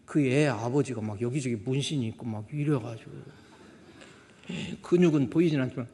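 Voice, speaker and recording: An older man preaching a sermon as a pastor, telling stories and acting out shouted quotes. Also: mid-range voice, normal speed, slight background noise. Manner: storytelling, acts out shouted quotes. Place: church sanctuary. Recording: church hall reverb.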